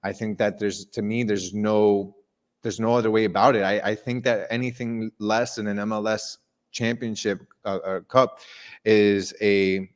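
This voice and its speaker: A man's voice: fairly low pitch, fairly even intonation, measured pace. A man, co-hosting a casual sports live stream, emphatic and confident, often repeating words as he builds a point. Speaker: sports show co-host.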